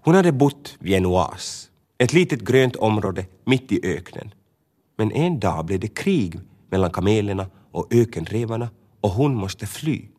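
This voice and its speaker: Lively low-voiced male storyteller. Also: breathy edge. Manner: lively, expressive reading. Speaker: narrator. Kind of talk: storybook narration for children.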